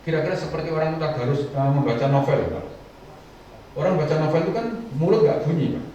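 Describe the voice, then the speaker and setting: A middle-aged man preaches to his congregation, slipping into little acted-out scenes from daily life. His voice is mellow and dark. The recording is dull and muffled, with a big echo and a faint hum of the room behind him. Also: on the high side, fast. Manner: addresses listeners as Bapak Ibu. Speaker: Islamic preacher. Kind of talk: Ramadan sermon. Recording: dull, echoey hall from a distance.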